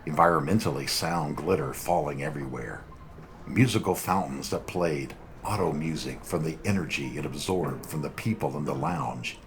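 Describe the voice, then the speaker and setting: A man with an extremely deep voice narrates a noir audiobook. He reads in a measured, dry storytelling manner. A faint noise sits under the recording.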